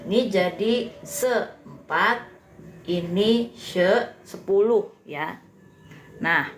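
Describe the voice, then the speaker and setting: A woman's voice: on the low side, a bit bright. An Indonesian woman teaching Mandarin pronunciation on a live stream, patiently repeating sounds and answering viewers.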